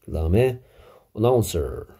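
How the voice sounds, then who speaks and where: A middle-aged man teaching English vocabulary, explaining each word slowly with Korean glosses. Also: fairly low pitch, animated, warm tone, slightly rough. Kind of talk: vocabulary lesson.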